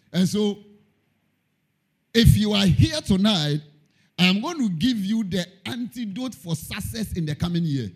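A man preaching a sermon in church, emphatic, repeating key lines and singing out phrases. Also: high-pitched. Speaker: pastor.

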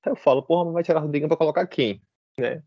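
A man chatting on a fan podcast, reasoning out loud in a relaxed, filler-heavy way. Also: on the high side, very fast, no room sound, lo-fi sound. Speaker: podcast co-host, football fan. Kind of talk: casual chat.

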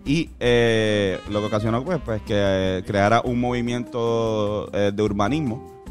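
Puerto rican guy, kinda low voice, explaining stuff casually, stop and start, bit of music behind. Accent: Puerto Rican Spanish. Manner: halting, informal, slangy. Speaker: podcast host telling local history. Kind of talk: casual explanatory talk from notes.

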